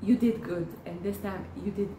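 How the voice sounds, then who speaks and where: This medium-pitched woman, mellow and earnest, is a therapist and native Hebrew speaker delivering advice to camera. She keeps breaking off and restarting while staying encouraging. A faint hiss or hum sits under the roomy echo.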